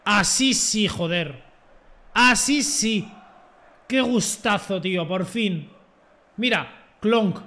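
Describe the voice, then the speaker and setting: A young man giving excitable, joking commentary over his own football video game match. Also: high voice, slow pace, long pauses. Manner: excitable, joking, shouts at plays. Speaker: gaming streamer. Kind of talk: live gameplay commentary.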